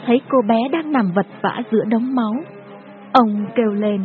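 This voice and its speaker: A woman tells a dramatic story in a steady, grave voice that sits a little high. The sound is thin and phone-like. Music plays clearly underneath her narration. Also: normal speed. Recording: tinny phone-like audio with music behind.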